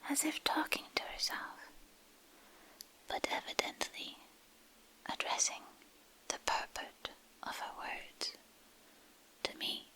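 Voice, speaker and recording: Close to a binaural mic that picks up sound ear to ear, a woman reads literary fantasy as ASMR in a soft, breathy whisper, leaving pauses between brief phrases. The recording quality is low.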